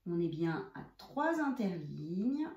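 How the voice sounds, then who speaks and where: A woman's voice: lowish voice, very animated, slow pace, warm tone, lo-fi sound. A woman teaching young children to write a letter, explaining each stroke step by step and speaking directly to the child. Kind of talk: handwriting lesson for young children. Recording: roomy, echoey room.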